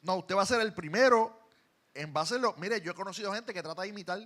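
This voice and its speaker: A man with a Puerto Rican accent preaching a sermon in a church, moving between quiet asides and loud, emphatic lines. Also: sits high, fast. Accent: Puerto Rican Spanish. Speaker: pastor.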